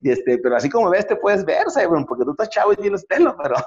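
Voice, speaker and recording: Fast-talking joking Mexican man. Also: high voice, sing-song, muffled recording. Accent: Mexican Spanish. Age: middle-aged. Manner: joking storyteller, many restarts. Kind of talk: casual comedic chat.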